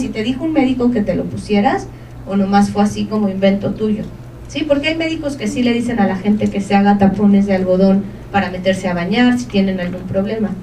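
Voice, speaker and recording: A woman's voice: a little high, mellow, slight background noise. A woman gives an informative talk to a live audience and keeps checking in with short questions. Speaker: presenter of an information session. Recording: echoey room from a distance, faint ambience.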